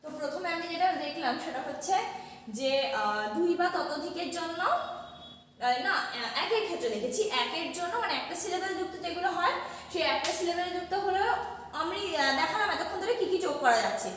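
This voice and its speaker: Woman teacher, grammar lecture, halting and repetitive, distant mic, roomy reverb, faint background noise. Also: very high-pitched, expressive, fairly bright tone. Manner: slow and halting, repeating words while writing. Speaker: English teacher. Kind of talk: classroom grammar lecture, writing as she talks.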